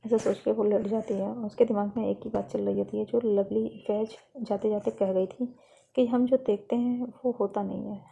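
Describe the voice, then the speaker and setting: A woman narrating a romantic story episode in a plain, unhurried retelling. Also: mid-range voice, little pitch movement, gravelly, dark tone, muffled recording, a little hiss or hum.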